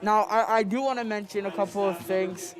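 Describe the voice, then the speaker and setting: A young man co-commentating a high school football game, casual and a bit halting. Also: fairly even intonation, a faint crowd. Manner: casual, halting, breaks into laughter.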